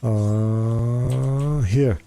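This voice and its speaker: A man's voice: medium pitch, steady tone, drawn-out words, vocal fry, mellow, clear, resonant tone. A man with a Jordanian accent, chatting playfully and boastfully on a live game stream, mixing English and Arabic. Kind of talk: casual live-stream chat.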